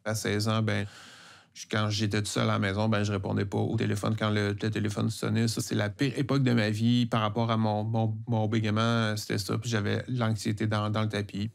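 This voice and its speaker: In a lowish, monotone voice with vocal fry, a middle-aged man speaks briskly with a Québécois French accent. He's an interviewee and comic book author giving personal testimony, and his telling is marked by stuttering and many repeated words and sounds.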